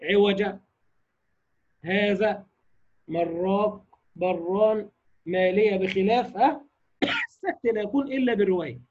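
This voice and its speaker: A man with an Egyptian accent teaching the rules of recitation in a lecture. He explains each rule, asks the class questions and demonstrates words slowly. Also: sits high, a little hiss or hum. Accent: Egyptian Arabic. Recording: dull lo-fi recording.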